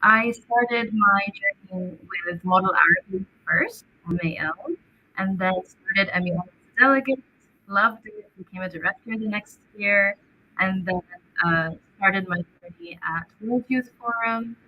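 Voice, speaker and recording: A woman's voice: medium pitch, measured pace, lo-fi sound. A young woman from Egypt opening an online panel as co-moderator, upbeat and welcoming, with a few fillers.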